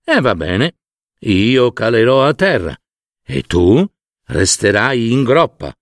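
A man voicing a patient, good-humored old father who talks calmly, in a spoken folk tale. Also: mid-range voice, slow, no room sound, clean studio sound. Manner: calm, resigned.

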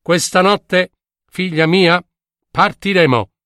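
Man voicing humble cobbler for a storybook; gentle, musing, a little raised. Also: high voice, takes it slowly, dry recording, clean studio sound, pitched above the performer's own voice. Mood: wistful. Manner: soft, musing, half-sung. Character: poor humble cobbler, wistful dreamer.

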